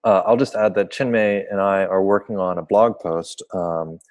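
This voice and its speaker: A man's voice: low-pitched, moderate pace, a little mellow. A man hosting an online seminar over a video call, explaining projects informally and apologizing for glitches. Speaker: seminar host.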